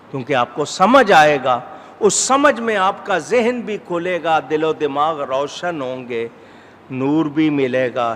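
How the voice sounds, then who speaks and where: Middle-aged male preacher, slightly high voice, measured then emphatic, reverberant hall with faint noise. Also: fairly bright tone. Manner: measured, rising to emphatic exhortation. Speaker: Islamic scholar. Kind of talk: sermon.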